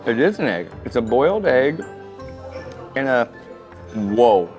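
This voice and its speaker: A man talks quickly and excitably, reacting to his food as he eats. His voice sits in a mid range, and faint music plays behind him in the restaurant. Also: medium pitch, low-quality recording. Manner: fast-talking, excitable, talks with mouth full. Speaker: family travel vlogger. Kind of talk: casual chat.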